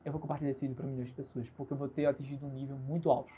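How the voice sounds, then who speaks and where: This man in his twenties, an entrepreneur from Recife with a Recife Brazilian Portuguese accent, talks casually and earnestly in a solo bedroom livestream for his channel. His mid-range voice races along with little pitch movement, and he seems upbeat, self-assured and very gestural. The smartphone-camera audio has its highs cut off, with faint music in the background.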